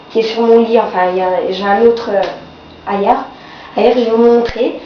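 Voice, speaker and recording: A young woman with a blocked-nose, sore-throat voice from a cold, casually reviewing products in a vlog. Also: on the high side. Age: teenager or young adult. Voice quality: congested, blocked-nose nasal voice. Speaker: beauty vlogger. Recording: dull, roomy, faint background noise.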